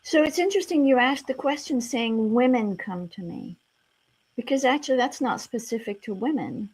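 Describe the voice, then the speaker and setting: A woman's voice: on the high side, lively intonation, moderate pace, darkish tone, slightly rough. Frank, reassuring American-accented woman therapist. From France. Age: middle-aged. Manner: frank, reassuring, many "you know" fillers. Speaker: sex therapist guest. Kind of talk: casual interview talk.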